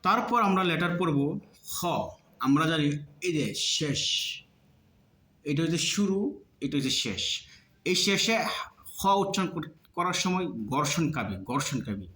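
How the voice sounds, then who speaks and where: A man teaching pronunciation in a slow lesson. He repeats each sound in drawn-out drills to show how it should be said. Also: fairly high pitch, lively intonation, a bit bright. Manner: demonstrates sounds by drawn-out repetition. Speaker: teacher of Arabic letter pronunciation. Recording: echoey room.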